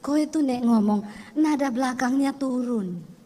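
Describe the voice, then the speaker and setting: Woman doing a low-voiced Javanese husband. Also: unhurried, dark tone, long reverb tail. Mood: coaxing complaint. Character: grumbling Javanese husband, middle-aged man.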